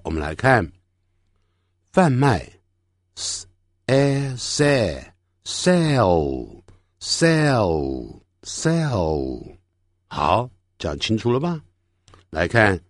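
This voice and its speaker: A man giving a pronunciation lesson, explaining sounds patiently and repeating practice words slowly for learners to copy. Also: on the low side, no echo, clean studio sound. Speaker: English teacher.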